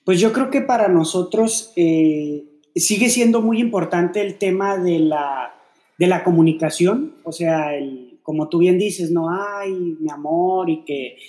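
Male podcast co-host, mellow tone, thoughtful and rambling, echoey room. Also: high voice, a little slow. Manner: reflective, explains with many fillers and rhetorical questions. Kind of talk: casual faith-based relationship chat.

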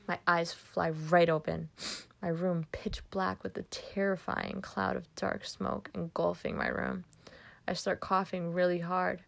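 A woman's voice: fairly low pitch, gravelly, dry recording. A woman reading a first-person dramatic story aloud, dropping to whispers at tense moments.

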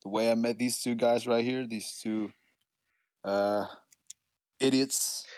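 A man's voice: mid-range voice, fairly even intonation, takes it slowly, darkish tone, dry recording. A nineteen-year-old man from Costa Rica co-hosting a casual podcast, rambling and swearing freely. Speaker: podcast co-host. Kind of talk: casual chat.

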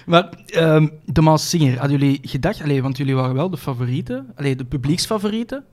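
A man with a Flemish accent hosting a casual podcast interview, chiming in with quick, friendly replies. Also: on the high side, expressive, darkish tone. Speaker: podcast host.

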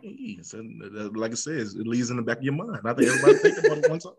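A man guest on a podcast, joking in an animated way with a husky voice. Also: mid-range voice, fast talker, a crowd in the background. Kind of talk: casual chat.

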